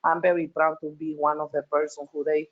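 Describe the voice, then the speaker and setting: A woman from Peru with a Peruvian Spanish accent, speaking as a panelist over a video call, halting, with frequent restarts and repeated words. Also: low voice, flat delivery. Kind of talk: panel talk. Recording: dull lo-fi call audio.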